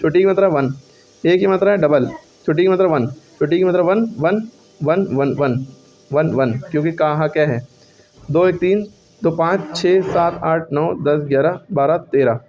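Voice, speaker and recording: A man's voice: on the high side, normal speed, lo-fi sound. A male teacher giving a classroom lesson on Hindi verse meter, counting syllables aloud and correcting himself as he goes.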